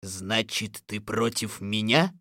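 A man voicing a gleeful, domineering immortal sorcerer who barks loud, imperious commands in a storybook reading. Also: lowish voice, lively intonation, slow pace, no room sound, studio quality, full character voice. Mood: commanding.

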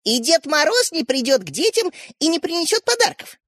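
A woman's voice: high voice, sing-song, fairly quick, a bit bright, no echo, clean studio sound, voice pushed up. A woman voicing a bossy older sister, a girl who mocks and scolds her little brothers in an audiobook. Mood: scornful. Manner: mocking, scolding. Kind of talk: audiobook character reading.

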